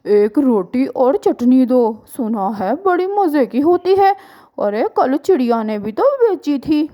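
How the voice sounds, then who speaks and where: A woman voicing a loud male kite bird, a customer in a cartoon story. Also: high voice, sing-song, slow, full character voice. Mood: demanding.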